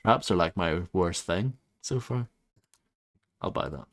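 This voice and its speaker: A man with a very low voice gives gameplay commentary. He talks casually, as a streamer does while playing. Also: expressive, a little slow. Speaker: game streamer. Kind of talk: casual gameplay commentary, reading game text aloud.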